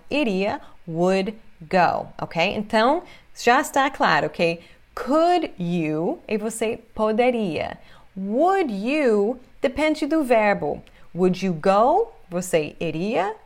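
Slow, animated woman teaching English. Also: medium pitch. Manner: repeats phrases slowly for pronunciation, animated gestures. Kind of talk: online English lesson for Portuguese speakers.

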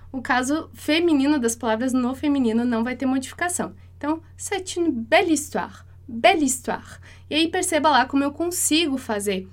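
Brazilian lady teaching french, highish voice, patient, says the examples slow and over again. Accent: Brazilian Portuguese. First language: Portuguese. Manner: explanatory, repeats French examples slowly. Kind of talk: online language lesson.

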